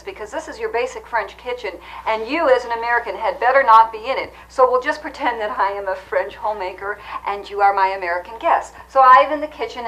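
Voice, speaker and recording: A woman hosting a comedy cooking segment, explaining absurd claims in an earnest, deadpan way. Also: on the high side, slight background noise, low-quality recording. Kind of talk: deadpan mock cooking demonstration.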